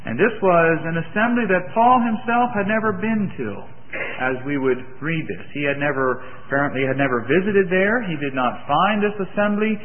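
A man's voice: sits high, moderate pace. Male preacher at a pulpit mic, easygoing delivery with false starts; thin, narrow sound in a reverberant hall. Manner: relaxed, conversational, with some false starts. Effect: pulpit microphone through a church sound system. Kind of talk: sermon with bible reading and prayer. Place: church sanctuary. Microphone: pulpit microphone.

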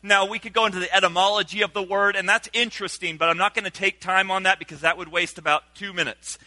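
Raised in Senegal, a male pastor delivers a lively sermon and engages his congregation through call-and-response. He speaks fast in a high voice, and no room sound is audible.

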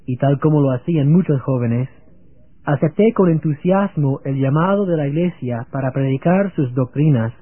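A man's voice: a little high, slightly rough, no room sound. Earnest young man reading testimony. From Virginia, United States. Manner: earnest, steady, read-aloud. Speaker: guest giving a testimony. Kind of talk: read religious testimony. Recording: phone-like lo-fi radio broadcast.

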